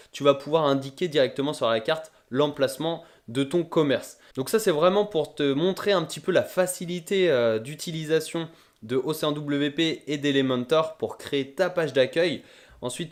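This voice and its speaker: Casual man explaining a tutorial. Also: medium pitch. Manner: casual, addresses viewer as "tu", frequent "euh" fillers. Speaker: web tutorial host. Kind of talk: screen-recorded software tutorial.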